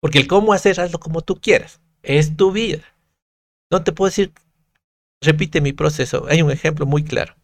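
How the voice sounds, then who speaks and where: A man speaking as a guest on a podcast, his voice gravelly with a low vocal fry. He talks earnestly and reflectively, leaning hard on his points as he works through his thoughts. The recording is dry and close, with no room sound. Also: normal speed, no echo. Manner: earnest, reflective, emphatic storytelling with restarts. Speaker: podcast guest, content creator. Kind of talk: casual podcast conversation.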